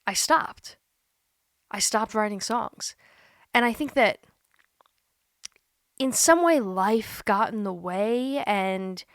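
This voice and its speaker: A woman in her thirties talking candidly to camera from a creaky chair at home, earnest and self-deprecating, laughing at herself now and then. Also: medium pitch, no echo, clean studio sound. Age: 30s. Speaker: YouTuber. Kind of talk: candid reflective monologue.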